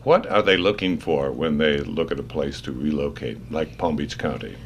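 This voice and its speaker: Brief: male host, American accent, deep register, conversational TV interviewer. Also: normal speed, a little hiss or hum.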